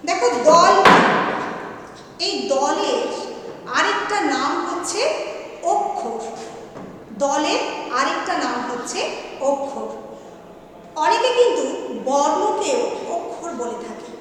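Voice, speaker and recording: A woman teacher leads a grammar lesson for children, speaking slowly and patiently, repeating each point and checking with questions. Her voice sits high. She sounds distant from the mic, in a roomy hall with long reverb. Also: animated, fairly bright tone, slight background noise. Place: classroom. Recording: echoey hall, voice far from the mic.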